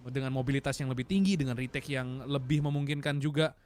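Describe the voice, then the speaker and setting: An Indonesian man commentating an esports match like an excited game announcer, in a slangy, emphatic, analytical way. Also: mid-range voice, quick pace.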